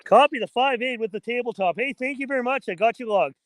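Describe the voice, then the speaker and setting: A man's voice: very high-pitched, fast, a little hiss or hum. A man hosting an informal amateur radio vlog, mixing chatty remarks with phonetic callsign calls. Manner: informal, chatty, addresses viewers as guys. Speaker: amateur radio operator, host.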